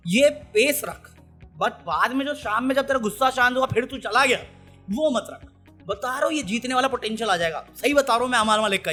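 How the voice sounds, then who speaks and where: A man's voice: extremely high pitch, pushed and bright. A man giving blunt, heated, sarcastic commentary on a reality show. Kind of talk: ranting commentary.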